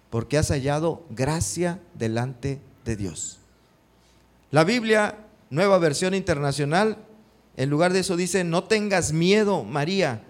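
A man preaches a sermon, reading scripture aloud and repeating its key lines. He keeps turning to the congregation with rhetorical questions. His voice sits on the higher side for a man.

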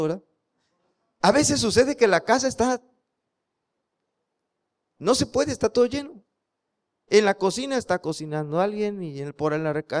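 Guy preaching, tells stories, keeps asking the crowd questions, voice a bit high. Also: smooth. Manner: lively storytelling with rhetorical questions to the congregation. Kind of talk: sermon.

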